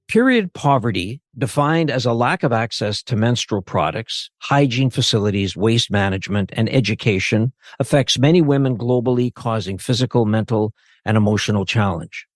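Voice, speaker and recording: A man hosts a podcast, his voice at a middle pitch. He reads in a measured, formal way before easing into more casual questions. The sound is very dry, with no room around it. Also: expressive, no echo, soft background music. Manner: measured and formal when reading, looser when asking questions. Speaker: podcast host. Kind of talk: scripted introduction and interview questions.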